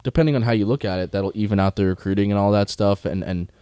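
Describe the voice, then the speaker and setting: Smooth-voiced, animated young man. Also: fairly low pitch, fast, no echo, clean studio sound. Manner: animated, tells anecdotes, swears casually. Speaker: podcast co-host. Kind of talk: casual sports talk.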